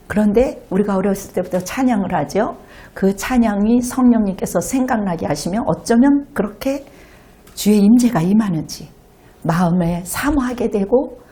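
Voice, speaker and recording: A woman pastor giving an animated sermon to a congregation in a church, sometimes acting out children's voices. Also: mid-range voice. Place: church sanctuary.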